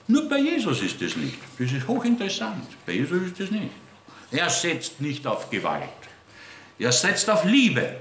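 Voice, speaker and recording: Lively man preaching a sermon. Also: on the high side, a little hiss or hum. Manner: lively, dramatic, acts out dialogue with God. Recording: echoey room, faint ambience.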